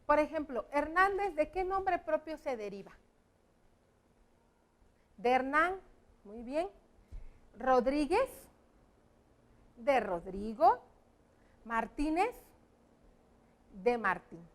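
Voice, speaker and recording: A woman teacher, patiently explaining a lesson to schoolchildren slowly and clearly. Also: sits high, expressive. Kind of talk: classroom lesson for children.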